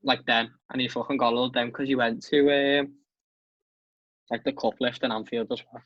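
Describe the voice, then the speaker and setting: Scouse lad swearing through stories on a podcast, mid pitch, bit dull sounding mic. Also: male voice, level tone, moderate pace, no room sound. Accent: Liverpool (Scouse). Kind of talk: casual chat, anecdotes.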